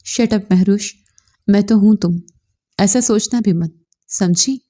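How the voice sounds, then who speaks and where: A woman reading the part of a young man in a storybook romance, firm and stern as he scolds. The voice is mellow and warm. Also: mid-range voice, takes it slowly. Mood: firm, worried. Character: young man, anxious lover, stern then tender.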